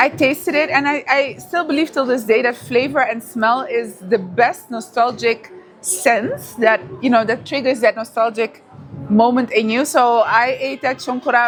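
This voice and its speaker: A woman's voice: on the high side, fairly even intonation, a little fast, slight background noise. A young woman born in Ethiopia and raised in the Netherlands, chatting casually as a vlogger and businesswoman, laughing easily and switching languages. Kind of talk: casual vlog narration and chat.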